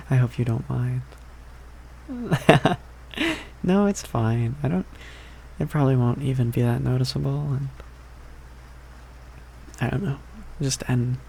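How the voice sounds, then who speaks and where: A young man playing an affectionate, playful, slightly needy boyfriend in a soft, hesitant, rambling ASMR ASMR role-play. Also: medium pitch, creaky, slight background noise, rough recording. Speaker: ASMR performer.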